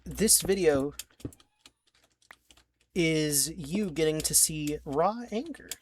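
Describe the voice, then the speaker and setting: A man's voice: a little high, slow, a little hiss or hum. A young man narrating his video game, rambling and frustrated, swearing and restarting his sentences. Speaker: let's-play creator. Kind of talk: game commentary. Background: faint keyboard clicks.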